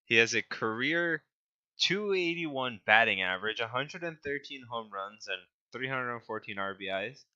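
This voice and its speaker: A man's voice: medium pitch, expressive, moderate pace, bright, forceful tone, muffled recording. A young man co-hosting a casual sports podcast, reading stats with small stumbles and laughs. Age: young adult. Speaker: podcast co-host.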